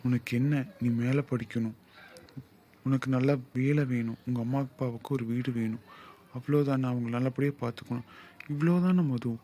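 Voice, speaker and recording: A man's voice: medium pitch, normal speed, warm tone, a little hiss or hum, close to an everyday voice. A young man acting a lovesick, possessive suitor who pleads and then insists in an audio drama. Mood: tender. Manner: insistent, swings from pleading to commanding.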